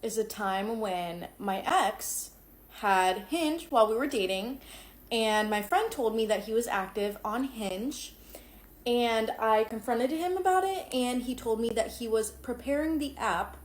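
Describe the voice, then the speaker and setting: A woman's voice: a little high, unhurried, roomy sound. A woman in her twenties casually telling a list of bad dating stories. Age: 20s. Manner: candid list-style storytelling. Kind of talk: casual vlog storytelling.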